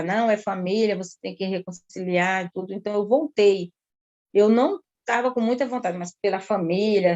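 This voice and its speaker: A woman from São Luís, Brazil, tells her life story as a testimony. She speaks earnestly and at length, and she often slows down and lingers on her words. Her voice sits at a medium pitch. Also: a little mellow, dull audio. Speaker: guest giving a testimony. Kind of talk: emotional personal testimony.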